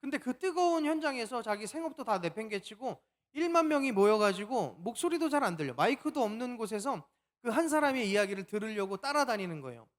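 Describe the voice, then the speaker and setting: A pastor preaching a sermon, telling the story in a lively way and acting out the quoted lines. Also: male voice, very high voice, a little fast.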